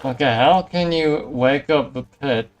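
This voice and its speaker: Man musing through casual gameplay, mid pitch. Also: a little slow. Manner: hesitant, musing. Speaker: let's play streamer. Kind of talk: casual gameplay commentary, thinking aloud. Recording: faint game music behind.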